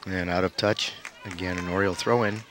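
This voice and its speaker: A middle-aged man with a squeaky voice giving terse, matter-of-fact live soccer commentary outdoors. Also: fairly even intonation, fairly quick, fairly bright tone, some chatter behind. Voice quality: squeaky voice with throat-clearing. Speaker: soccer play-by-play announcer. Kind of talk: live local sports commentary. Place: outdoors at an evening soccer field. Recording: noisy outdoor field recording.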